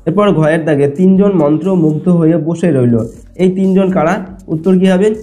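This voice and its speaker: A man walks through test answers in a slightly raised but mellow voice, pausing often to check that students follow. His delivery is patient and explanatory, with light music playing faintly behind him. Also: on the high side. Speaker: teacher. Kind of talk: exam answer walkthrough lesson.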